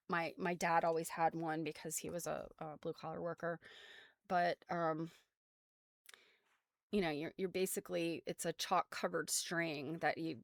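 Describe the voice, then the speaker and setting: An American woman with a low-pitched voice hosts a relaxed craft livestream about quilts. Her explanations ramble informally and trail off into asides, captured in a dry, studio-quality recording.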